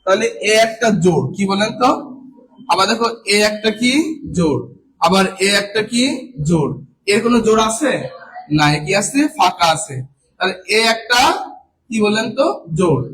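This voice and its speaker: Heard on a low-quality recording with a bit of hiss or hum, a male coaching teacher with a high, fairly bright voice lectures his class. He repeatedly asks students questions, supplies the answers himself, and stretches important words to stress them.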